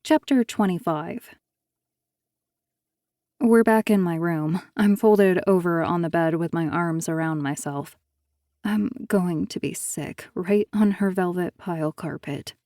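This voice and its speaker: Slow, dry-voiced woman narrating a thriller. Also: fairly low pitch, darkish tone, no echo. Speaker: audiobook narrator. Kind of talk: scripted first-person thriller narration.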